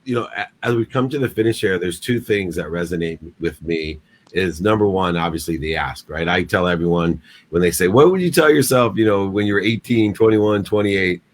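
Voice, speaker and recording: A man with a fairly low voice co-hosting an interview. He speaks in a reflective, conversational way. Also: a little fast. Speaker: co-host. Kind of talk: casual interview talk.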